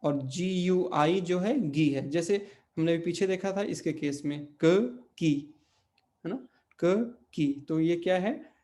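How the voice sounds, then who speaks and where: A man with a fairly high, mellow voice teaches an online language lesson. He goes slowly, explaining things step by step, using lots of fillers and frequently checking in with his students.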